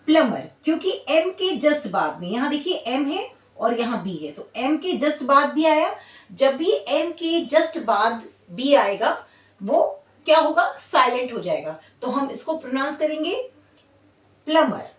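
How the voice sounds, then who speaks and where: A high, lively Indian woman takes her class through a lesson at an unhurried pace, stopping to check in after each point. Her voice sounds a little far from the mic, and the room has a clear echo. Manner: repetitive, checks in with "theek hai". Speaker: English pronunciation teacher. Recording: roomy echo from a distance.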